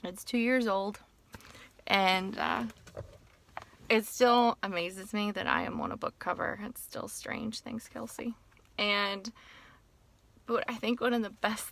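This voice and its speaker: A woman's voice: medium pitch, gravelly, bright, forceful tone, no echo. A middle-aged woman talking casually in a personal vlog from her parked car, heartfelt and rambling, sometimes tearful. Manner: emotional, tearful at times, rambling. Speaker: author and teacher.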